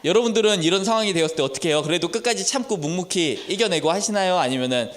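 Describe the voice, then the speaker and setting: A man's voice: high-pitched, expressive, rapid-fire, fairly bright tone. A man in his thirties, a Sunday school teacher telling a Bible story to children and asking them questions. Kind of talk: children's sermon.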